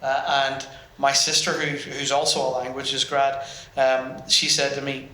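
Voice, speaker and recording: Speaking on a business panel in an event room with an audience, a man hesitates, restarts often and says "um" a lot. His mid-range voice is monotone, a little slow, bright and forceful, recorded in a roomy hall.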